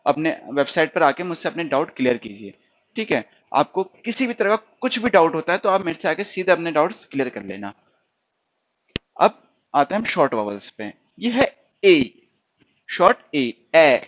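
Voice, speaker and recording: A male stenography teacher with a fairly high pitch leads a classroom lesson. He explains slowly, repeats sounds and words for the class to drill, says words aloud and keeps checking in with "okay?"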